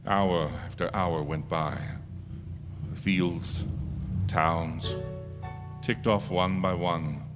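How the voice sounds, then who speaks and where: In a radio drama, a man with a deep voice plays a haunted, anxious lone motorist narrating his ordeal in the first person, intense and at times stammering, with a brooding mood of dread. He speaks in a steady tone with drawn-out words and long pauses. The recording comes from a reverberant theatre hall, with dramatic music playing underneath.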